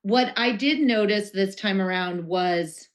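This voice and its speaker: A woman joins a casual movie podcast as a guest. She talks in a relaxed, easygoing way at a middle pitch. Her replies are agreeable and conversational. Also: a little slow. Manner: relaxed, agreeable, short reactions.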